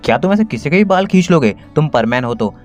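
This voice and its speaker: A man's voice: a little high, animated, quick pace, faint music behind, voice pushed up, lightly acted. A man voicing a pair of angry schoolgirls who scold and demand answers. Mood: indignant. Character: two angry scolding schoolgirls, speaking together.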